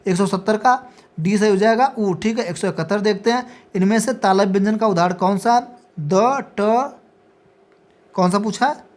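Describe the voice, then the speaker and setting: A woman teacher reads multiple-choice exam questions and their options aloud in a mid-range, slightly mellow voice at a moderate pace. In this exam practice lecture, she confirms each answer with a quick checking "ठीक है".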